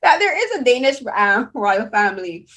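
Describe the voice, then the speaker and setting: A woman's voice: on the high side, normal speed. Chatty Barbadian woman host. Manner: animated, chatty storytelling with many "like"s. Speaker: podcast host. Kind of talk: casual interview chat.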